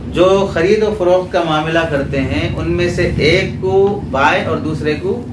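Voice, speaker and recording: Man, Urdu accent, classroom teacher, call-and-response lecture, distant mic, clear background noise. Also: on the high side, echoey room. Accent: Pakistani Urdu. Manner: asks students questions and repeats their answers. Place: classroom of a religious school.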